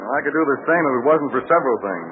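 Tough, confident male adventurer played by a man, quick-talking, 1940s radio drama, phone-thin sound. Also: medium pitch, lively intonation, close to an everyday voice. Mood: wry, confident. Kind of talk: 1940s radio serial acting. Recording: noisy, tinny old radio recording.

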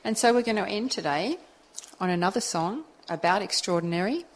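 A woman's voice: mid-range voice, expressive, a little fast, a little hiss or hum, poor audio. A woman co-hosting a radio talk show, friendly and affirming as she steers the segment. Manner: friendly, affirming, brief interjections.

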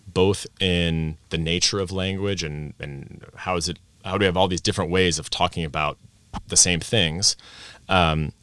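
A deep, bright and forceful male voice, smooth and fairly even in intonation, comes through at a moderate pace with no echo. The speaker, an Austrian-raised language teacher and presenter bilingual in English and German, reflects in a conversational podcast interview. He frequently restarts and corrects himself.

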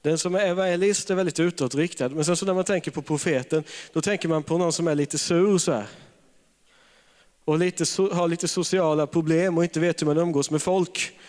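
This is a charismatic sermon from a man whose fairly high, slightly mellow voice keeps a fairly even intonation. He relies on humorous storytelling and laughs often, all echoing with the long reverb of a large hall.

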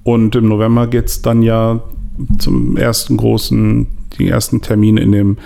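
A man with a gravelly edge to his voice talks about his work in a loose, casual chat. He rambles, restarts his sentences and leans on fillers as he goes. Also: lowish voice, level tone, a little slow, mellow. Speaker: photographer and podcast co-host.

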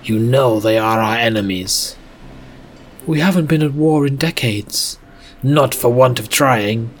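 A man voicing a stern, gruff father who is suspicious and protective. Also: mid-range voice, unhurried, slight background noise, natural voice.

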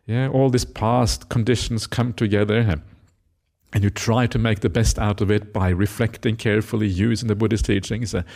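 A man's voice: on the low side, fairly even intonation, moderate pace. A middle-aged man from Norway, a Buddhist monk giving a reflective Dhamma talk, often ending his points with a questioning "eh?". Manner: reflective, tags lines with a questioning "eh?"; gentle laughter, hesitant fillers.

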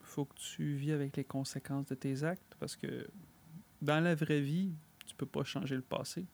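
A man's voice: on the high side, steady tone, moderate pace, gravelly, a little mellow. A man with a Quebec French accent chatting casually about a film, chiming in and dropping English phrases. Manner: chimes in, sprinkles English phrases.

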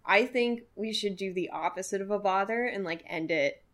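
A woman's voice: mid-range voice, normal speed, a bit bright. A young woman from Sacramento co-hosting a podcast, chatting in a playful, joking way. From Sacramento, California. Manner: playful, jokey storytelling. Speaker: podcast co-host. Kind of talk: casual chat.

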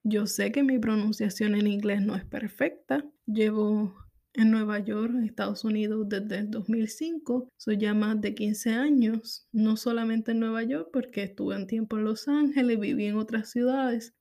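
A woman's voice: medium pitch, steady tone, moderate pace, dark tone. A woman in her thirties from Puerto Rico with a Puerto Rican Spanish accent, hosting a podcast in a candid, reflective personal monologue. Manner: candid, reflective, repeats phrases. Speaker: podcast host.

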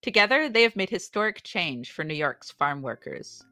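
A woman's voice: fairly low pitch, sing-song, normal speed, bright, forceful tone, dry recording. A woman reporting in scripted podcast narration. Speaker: podcast reporter, campaigns manager.

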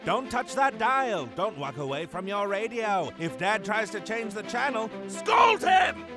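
A man playing an overexcited vintage radio serial announcer with a booming, theatrical delivery. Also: lively intonation, normal speed, over loud music. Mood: excited.

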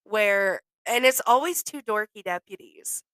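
A woman's voice: mid-range voice, expressive, a little slow, fairly bright tone, dry recording. A woman co-hosting a podcast, chatting casually and with enthusiasm. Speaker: podcast co-host. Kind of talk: casual chat.

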